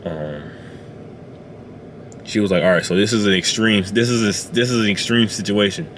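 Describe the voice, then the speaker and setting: A man sharing a personal testimony in a car, speaking haltingly with many fillers and restarts. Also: fairly low pitch, noisy background. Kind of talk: emotional personal storytelling. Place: inside a parked car.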